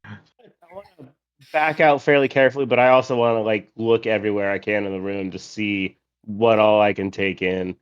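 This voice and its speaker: Male tabletop player, easygoing; smooth, lower voice, dull lo-fi audio. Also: steady tone, moderate pace. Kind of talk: casual game chat.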